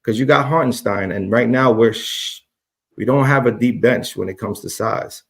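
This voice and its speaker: A man's voice: medium pitch, moderate pace, gravelly, a bit bright. A man with a Brooklyn accent, in a casual sports debate.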